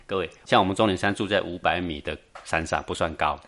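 A man giving a Buddhist dharma talk, telling a Zen tale in an animated way, chuckling and often checking that his listeners follow. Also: deep voice, fast talker. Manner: animated, keeps asking the audience for agreement, chuckles often. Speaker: Buddhist teacher.

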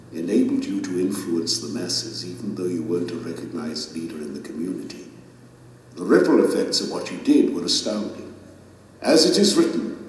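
A man playing a majestic, benevolent king in an audio drama, speaking in solemn, measured, regal pronouncements. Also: lowish voice, a little mellow. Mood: grave, authoritative. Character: majestic benevolent king judging his subjects. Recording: cavernous echoing hall, music behind.

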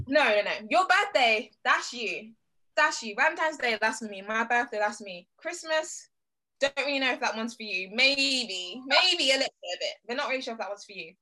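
A young woman with a British accent talks in a fairly high, bright and forceful voice. She is casual but emphatic, repeating phrases to drive her point home. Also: lively intonation, moderate pace, poor audio. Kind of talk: casual group discussion.

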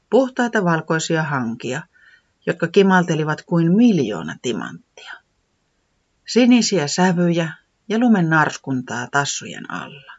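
Gentle children's story reader, lively pitch, breathy tone, slightly muffled recording. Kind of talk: reading a children's story aloud.

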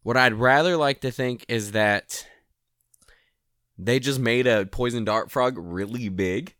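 Young guy on a podcast, cussing and cracking up a lot, bright edgy voice, dry close sound. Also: mid-range voice, measured pace, clean tone, dry recording. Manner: profane, joking, laughs often. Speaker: podcast co-host. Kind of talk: casual chat.

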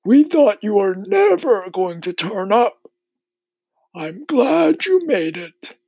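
A performer voicing an old male grasshopper from a storybook, grand and scornful, speaking slowly. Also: mid-range voice, sing-song, gravelly, warm tone, slightly rough, no room sound, clean studio sound, pitched above the performer's own voice, heavily acted. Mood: concerned, welcoming. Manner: slow, haughty, scornful.

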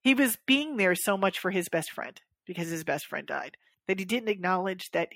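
A woman's voice: on the low side, normal speed, vocal fry, no room sound, clean studio sound. A woman co-hosting a podcast, chatting casually and acting out the voices of people in her stories. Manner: animated storyteller, acts out quoted voices. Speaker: podcast co-host. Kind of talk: casual chat.

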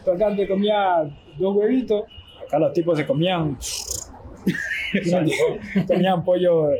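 A man's voice: sits high, steady tone, a little slow, mellow, lo-fi sound. A man telling a story casually, acting out quotes in a raised voice. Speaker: guest telling his boxing story. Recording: noisy background hiss.

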